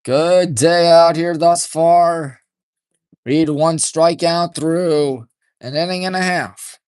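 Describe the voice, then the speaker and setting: Folksy man calling high school baseball. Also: steady tone, clear, resonant tone, dry recording, studio quality. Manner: folksy, chatty, partisan toward home team; deliberately restrained, hushed delivery. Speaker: play-by-play radio announcer. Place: stadium press box.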